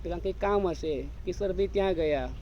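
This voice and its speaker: In this dull lo-fi clip, a high-pitched man speaking fairly quickly delivers an evening sermon as a monk. He drills his points through repetition and fires rhetorical questions at those listening.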